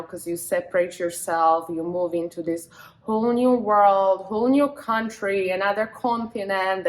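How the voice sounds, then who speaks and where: A young woman from Slovakia speaks to her vlog audience in Slovak-accented English. Her pitch sits slightly low and she takes her time over each phrase. The delivery is earnest and measured, a casual catch-up with viewers. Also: poor audio. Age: 20s. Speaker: fitness vlogger. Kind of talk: casual vlog talk to camera.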